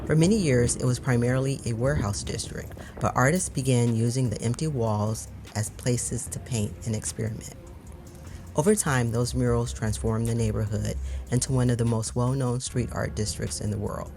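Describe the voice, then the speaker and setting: A calm, measured narrator reading a scripted travel walkthrough voice-over. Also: mid-range voice, vocal fry, slight background noise. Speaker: vlog narrator.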